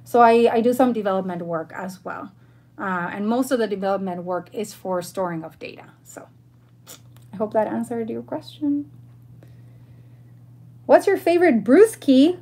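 A woman from Argentina, in her thirties, runs an informal livestream from her bedroom, chatting amiably with her audience and answering their questions. Her voice is mid-range and dark, at a moderate pace with frequent pauses.

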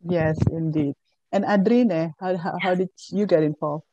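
A woman with an Indonesian accent moderates a film Q&A over a video call. Her voice is somewhat low, mellow and dark. She speaks carefully with uh fillers, and the audio is dry. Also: normal speed, dry recording, highs cut off. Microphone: webcam on a video call.

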